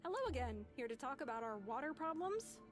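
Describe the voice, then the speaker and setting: A woman's voice: high voice, lively intonation, fairly quick, soft background music. A woman playing a friendly, chatty vault resident in video game dialogue. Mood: grateful.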